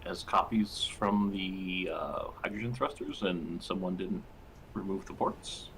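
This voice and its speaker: A man's voice: low-pitched, unhurried, fairly bright tone, a little hiss or hum, low-quality recording. A man chatting casually with friends while playing a building game, asking offhand questions and teasing. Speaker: co-player. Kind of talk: casual multiplayer game chat.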